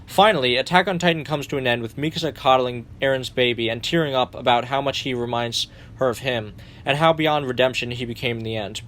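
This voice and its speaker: A man's voice: mid-range voice, fairly quick, few pauses, a bit bright. A young man hosting a commentary video, narrating a story summary in a sardonic tone with occasional swearing. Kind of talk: narrated fan rewrite summary.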